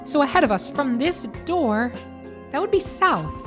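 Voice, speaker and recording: A woman's voice: high-pitched, sing-song, normal speed, over music, pitched above the performer's own voice. A woman voicing an eager, bookish young nun who talks in an earnest, flustered ramble.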